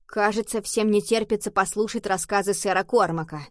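A woman's voice: medium pitch, a little fast, a little mellow, no echo, lightly acted. Lady playing a grumpy suspicious kid, mutters complaints, dry sound. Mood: grumbling. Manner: grumbling, suspicious. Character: grumbling distrustful boy.

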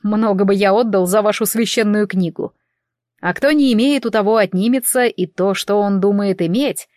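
A woman's voice: mid-range voice, moderate pace, darkish tone, no echo, lightly acted. Woman reading a wry, teasing male elf. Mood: thoughtful. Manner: teasing, dry.

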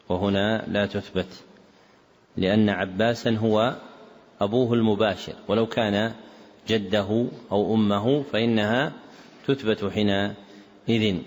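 Man, scholar, lesson, measured corrections, repeats page numbers, faint background hiss. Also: fairly low pitch, a little mellow. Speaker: Islamic scholar teaching a book lesson. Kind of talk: lesson, reading out corrections to a text. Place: lecture hall or mosque with loudspeakers. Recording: reverberant hall with faint ambient noise.

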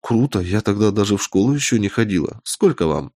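A man voicing a young witch girl in a raised, lively voice, curious and quick to take fright. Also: lowish voice, no echo, studio quality. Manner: curious, then easily frightened.

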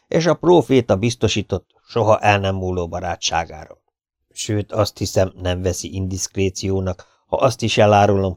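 A man's voice: deep voice, dry recording, clean studio sound, lightly acted. A man voicing a fat, bearded fool who plays a mock prophet in a pompous, mock-solemn manner. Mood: smug.

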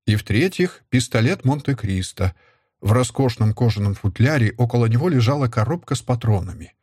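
Man reading a story aloud, husky voice, dry close sound. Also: mid-range voice, dry recording. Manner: steady first-person storytelling. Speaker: audiobook narrator. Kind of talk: scripted narration.

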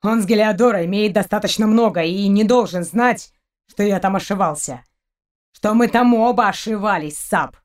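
Audiobook: woman reader doing a brash grumbling male space captain, curt and gruff. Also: mid-range voice, normal speed, natural voice.

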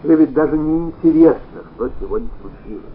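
A man's voice: lively intonation, moderate pace, natural voice. A man reading aloud and voicing a petty, self-pitying male official who whines and shrieks, over a tinny, phone-like line. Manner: whining, shrill outbursts. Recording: tinny phone-like sound, faint noise.

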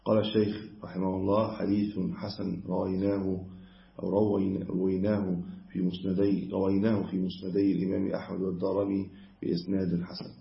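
A man giving a religious lesson on hadith, explaining in a measured way and correcting himself mid-word. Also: deep voice, flat delivery, vocal fry. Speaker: Islamic scholar teaching hadith. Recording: echoey room, dull lo-fi sound.

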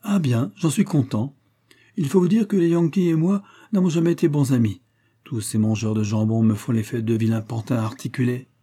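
A man's voice: medium pitch, moderate pace, mellow, husky, natural voice. A man reading an audiobook, voicing a cocky young Parisian street lad who talks in a boastful, slangy way.

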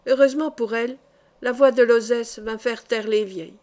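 A woman reading a classic novel aloud as an audiobook, in a measured, even storytelling manner. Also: fairly high pitch. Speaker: audiobook reader. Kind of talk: scripted narration of a novel.

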